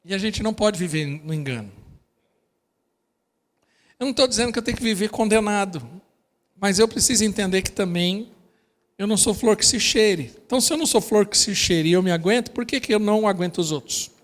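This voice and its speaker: A male pastor with a Brazilian accent preaches at an unusually high pitch for a man. He speaks to his congregation directly and with energy. His voice rings out in a church hall with a long, lingering reverb. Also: brisk. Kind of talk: sermon.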